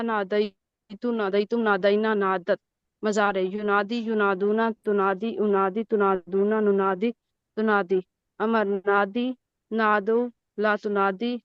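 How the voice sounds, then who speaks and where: A woman student reciting a verb table quickly without translation. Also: mid-range voice, clear, resonant tone, dry recording, highs cut off.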